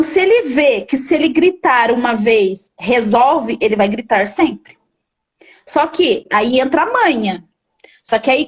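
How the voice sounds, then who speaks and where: High-voiced emphatic woman teacher. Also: slightly rough. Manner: emphatic, acts out firm commands. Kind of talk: explaining in an interview.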